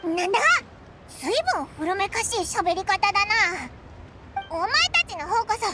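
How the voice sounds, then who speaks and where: A woman voicing a small childlike companion creature in an anime game, brash and suspicious, with squeaky voice and blunt boyish speech. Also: normal speed, heavy background noise. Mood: suspicious, accusing. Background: loud music.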